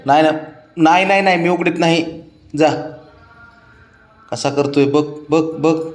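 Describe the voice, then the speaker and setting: A man's voice: on the high side, a little slow. A man talking to his pet cat in a coaxing, teasing baby-talk voice, in a casual home video.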